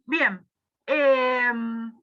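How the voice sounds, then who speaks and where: A woman's voice: fairly high pitch, steady tone, very slow, lo-fi sound. Rambling Argentine woman tutoring online. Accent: Rioplatense Spanish. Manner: casual, rambling, with many fillers. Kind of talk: online review class.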